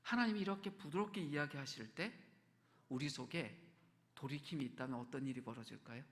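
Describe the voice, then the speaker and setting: A male pastor preaching a sermon in a church, talking with the congregation through questions and often dropping to a soft whisper. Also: medium pitch, fairly quick, in a large hall. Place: church sanctuary.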